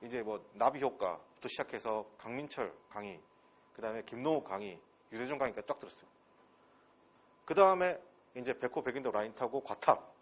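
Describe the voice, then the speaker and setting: At a transfer-exam academy, an English teacher from Pohang, South Korea, lectures briskly in a Gyeongsang dialect, his husky, slightly breathy voice full of lively intonation and free pitch swings. He bombards students with rhetorical questions, blunt and casual, with some crude slang.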